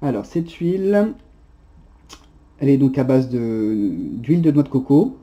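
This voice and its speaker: A man giving a casual unboxing narration in an unhurried, chatty way, often pausing on little "hop" sounds and hesitations. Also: mid-range voice, animated, lo-fi sound. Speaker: unboxing presenter.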